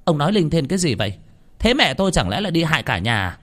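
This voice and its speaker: A man voicing a scornful, sharp-tongued middle-aged aunt, speaking in a shrill, sneering, loud way. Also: very animated, quick pace. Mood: scornful, combative.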